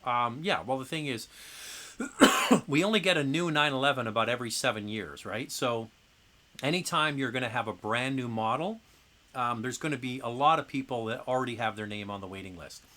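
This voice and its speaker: A man's voice: mid-range voice, fairly quick, bright, forceful tone. A middle-aged man hosting a live car Q&A stream, chatting casually and rambling with fillers and restarts, with an occasional cough. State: occasional coughing from acid reflux.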